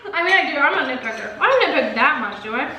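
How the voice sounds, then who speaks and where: A woman's voice: sits high, lively intonation, quick pace. A woman hosting a casual mukbang vlog, chatting while she eats. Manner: chatty, talks while eating. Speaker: vlog host. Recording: echoey room, distant mic, faint noise.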